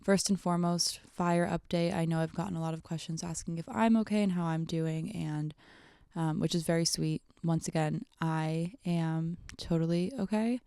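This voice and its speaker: A young adult woman, hungover, chatting casually on her solo podcast in a halting, rambling way that often trails off, with vocal fry. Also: fairly low pitch, steady tone, dark tone, no room sound, studio quality. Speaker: podcast host.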